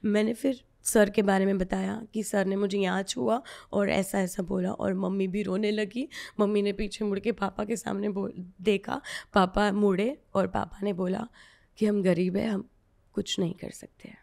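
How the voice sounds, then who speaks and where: A woman's voice: medium pitch, little pitch movement, normal speed, creaky, a little mellow. A woman from Gujarat, a web series actress, earnestly telling a personal story in a podcast interview and mixing in English phrases.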